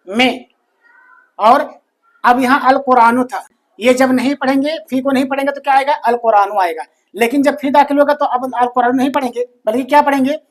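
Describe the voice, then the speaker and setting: A man teaching a grammar lesson, slowly repeating each phrase and answering his own questions. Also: very high-pitched. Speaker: Arabic teacher.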